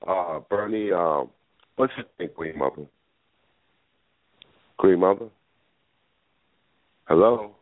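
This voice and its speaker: Battling a cold, a man hosts a call-in radio show, rambling casually and thinking aloud with lots of fillers. His low-pitched voice moves slowly, with long pauses. The sound is a dry, tinny phone line with no room sound.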